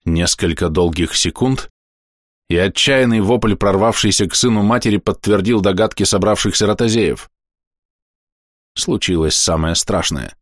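A man reading a fantasy novel aloud as an audiobook narrator, measured and expressive, slowing down for dramatic moments. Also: deep voice, dry recording, studio quality. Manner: measured, expressive storytelling with slowed dramatic pauses.

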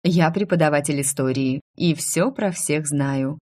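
A woman's voice: low voice, unhurried, warm tone. A woman voicing a wry, self-assured adult woman who teaches history, with a dry, matter-of-fact delivery in an audiobook reading.

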